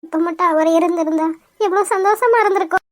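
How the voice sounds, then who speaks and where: A tearful, gentle widowed mother in a cartoon, played by a woman. The voice is extremely high, thin and almost childlike. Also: steady tone, fast, dry recording, clean studio sound. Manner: emotional, gentle. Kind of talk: cartoon voice acting.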